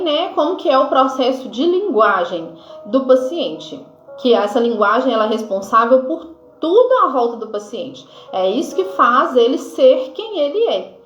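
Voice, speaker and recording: A nurse speaking with a Brazilian Portuguese accent, her female voice sitting high, gives a casual explanatory health lesson to camera. She relies heavily on "né" and "tá" and reads from notes at points. Sound is dull and lo-fi in an echoey room, with faint music.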